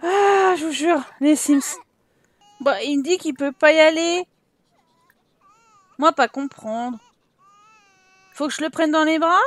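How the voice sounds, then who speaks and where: A high-pitched woman from France narrates her life-simulation game playthrough. She talks to the characters on screen in a chatty, lively way, exclaims at what they do, and laughs often. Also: normal speed, dry recording. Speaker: gaming YouTuber. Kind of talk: Let's Play commentary.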